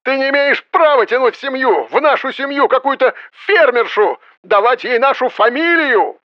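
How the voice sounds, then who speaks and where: A man reading an audiobook, voicing an outraged, proud father whose high voice breaks with anger. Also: sing-song, moderate pace, no room sound, highs cut off. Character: outraged middle-aged father, proud and furious.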